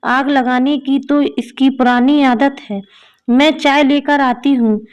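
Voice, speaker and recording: A kindly older mother-in-law in a spoken storybook, doting and insistent, read by a woman. The voice sits high and moves along slowly, coaxing rather than commanding. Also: steady tone, darkish tone. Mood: affectionate. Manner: affectionate, coaxing.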